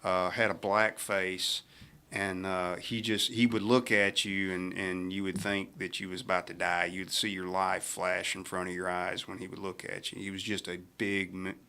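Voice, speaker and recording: A man's voice: deep voice, little pitch movement, normal speed, pushed and bright, clean tone. A middle-aged man, a sheriff on a radio talk show, telling rambling stories with many restarts. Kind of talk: casual radio chat, storytelling.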